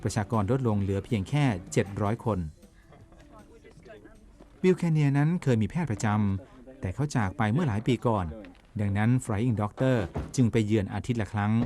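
A man's voice: on the low side, normal speed, mellow. A man reading scripted narration as the narrator of a documentary. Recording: music bed under voice. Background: background music.

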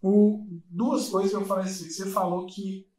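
A man's voice: high-pitched, flat delivery, moderate pace, warm tone. A man with a Brazilian Portuguese accent hosting a podcast, reflective and picking up the guest's phrases. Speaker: podcast host. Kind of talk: casual interview chat. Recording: echoey room, distant mic, faint noise.

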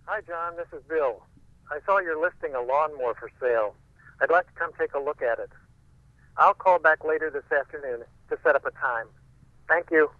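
Male caller leaving a voicemail, played by an actor, polite and brisk, dry narrow phone-line sound. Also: a little high, no room sound. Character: polite male caller answering a sale listing. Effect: telephone filter.

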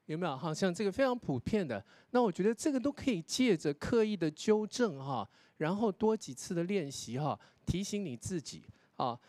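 Male lecturer, contest judge; high, very expressive voice; patient, explanatory critique. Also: normal speed, no room sound. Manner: explanatory, demonstrates English pronunciation, tags sentences with 哈.

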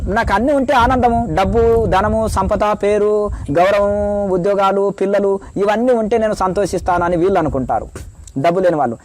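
A man's voice: sits high, a little mellow, no echo. A middle-aged man, a spiritual teacher, answering questions in a preachy way and rattling off lists of virtues.

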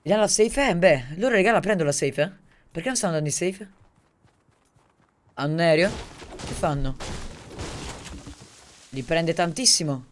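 A man casually commenting on a live game stream, keeping his voice quiet on purpose and chatting quick asides to his viewers. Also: a little high, lively intonation. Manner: talks quietly, holding back from shouting.

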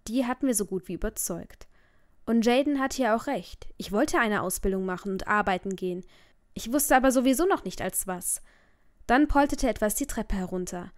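A woman reads a first-person audiobook aloud. Her storytelling is emotive, and her voice sits at an ordinary middle pitch. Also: animated, moderate pace. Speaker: audiobook narrator.

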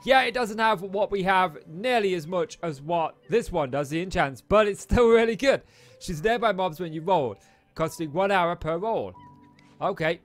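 A man giving chatty, excitable gameplay commentary and taunting the enemies on screen. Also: sits high, moderate pace, soft background music. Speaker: let's play host.

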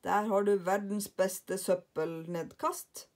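An older woman reading aloud and voicing a boastful, carefree little man who brushes off every worry in a loud, brash manner. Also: mid-range voice, steady tone, lightly acted. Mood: bossy. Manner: brash, self-satisfied, shrugging off worries.

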